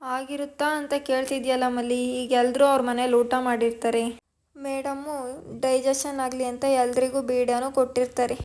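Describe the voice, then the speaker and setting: A woman's voice: sits high, level tone, moderate pace, a little mellow, lightly acted. Roy, a boastful male sidekick, voiced by a woman. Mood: gloating. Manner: boastful, gloating.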